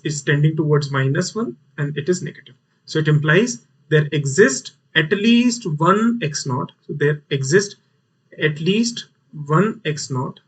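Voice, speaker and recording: A man's voice: on the high side, breathy edge. A man with a North Indian accent teaching a mathematics lesson online, explaining step by step and repeating phrases for emphasis. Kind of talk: live online lesson, explaining worked problems. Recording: voice sounds distant from mic.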